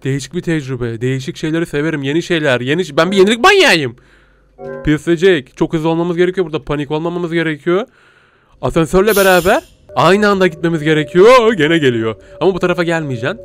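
High-voiced jumpy male game streamer. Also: expressive, quick pace, a bit bright, soft background music. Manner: jumpy, yelps and laughs when scared; talks to viewers and game creatures. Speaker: gaming streamer. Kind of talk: live horror game commentary.

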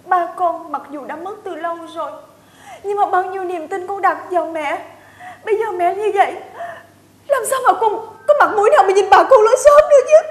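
An actress playing a fussy, nosy, dramatic daughter-in-law in a TV comedy sketch. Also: female voice, very high voice, moderate pace, roomy sound. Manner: whiny, dramatic, prying questions. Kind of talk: TV sitcom acting.

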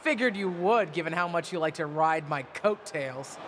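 An actress playing a bitter, proud middle-aged wrestling legend in a video game, delivering a taunting, theatrical wrestling promo. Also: female voice, sits low, animated, normal speed. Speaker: returning wrestler, former champion and manager. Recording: arena ambience noise behind voice.

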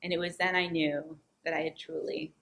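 A woman from the United States tells a personal story from her time as a volunteer teacher. Her voice is bright and forward. She delivers it expressively and acts out the lines she quotes. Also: low-pitched, level tone, moderate pace, a little hiss or hum. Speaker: returned Peace Corps volunteer, former teacher.

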